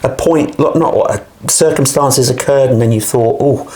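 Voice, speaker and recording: A man's voice: mid-range voice, normal speed, a little mellow. A man hosting an interview, asking questions in a conversational way with slightly formal phrasing. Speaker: host.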